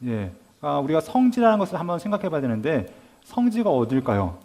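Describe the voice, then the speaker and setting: A man teaching a Bible school class, asking his listeners rhetorical questions and acting out lively quoted dialogue. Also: a little high, fast talker. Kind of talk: lecture to a class.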